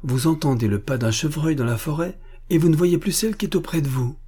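A man's voice: fairly high pitch, a little fast, dark tone, slightly rough, voice pushed up. A man reading an audiobook, voicing a passionate young Romani woman who murmurs tenderly.

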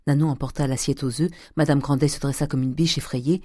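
A reader narrating a classic novel in a measured, even way. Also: medium pitch, dry recording, clean studio sound. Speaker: audiobook reader. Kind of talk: literary audiobook narration.

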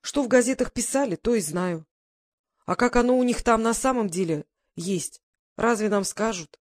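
A woman's voice: on the high side, moderate pace, no echo, clean studio sound, voice pushed up, close to an everyday voice. A woman voicing an anxious, stern older mother who scolds her grown daughter in an audiobook. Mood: worried. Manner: pleading, then stern and scolding.

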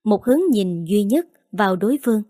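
A woman reading a first-person story aloud in a steady storytelling manner. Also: medium pitch, brisk, no room sound, clean studio sound. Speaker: narrator. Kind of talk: first-person audiobook narration. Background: faint background music.

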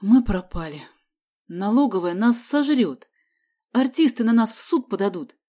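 A woman's voice: lively intonation, moderate pace. Woman doing a panicky, fussy middle-aged man. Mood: despairing. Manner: shrill, loud, wailing.

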